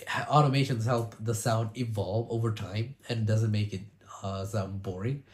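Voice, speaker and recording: A man's voice: fairly low pitch, fairly even intonation, moderate pace, slight background noise. Congested man casually explaining sound design. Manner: loose and rambling, full of "you know" and restarts. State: congested from a cold. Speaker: music producer and video host.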